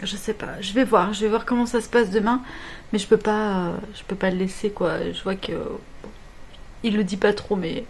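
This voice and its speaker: A middle-aged woman chatting casually to her viewers about knitting, speaking softly at home in a hushed half-whisper. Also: mid-range voice, steady tone, normal speed, slight background noise. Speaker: knitting vlogger. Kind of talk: casual chat. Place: home, early morning.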